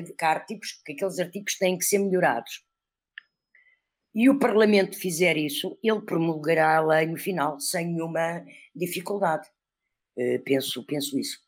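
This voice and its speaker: A woman with a European Portuguese accent, commenting on politics in a panel discussion, thinking aloud deliberately. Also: on the low side.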